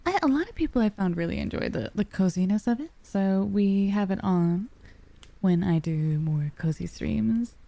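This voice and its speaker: A woman livestreamer with a soft, cozy storybook voice, chatting casually and affectionately with her viewers, using pet names. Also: mid-range voice, expressive, moderate pace, creaky, no echo. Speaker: livestreamer, VTuber.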